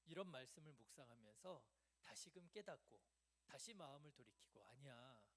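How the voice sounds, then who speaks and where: A man's voice: fairly high pitch, lively intonation, a little fast, a bit bright. A man preaching a midweek sermon in a church, conversational, asking the congregation questions and answering them himself. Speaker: pastor. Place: church sanctuary.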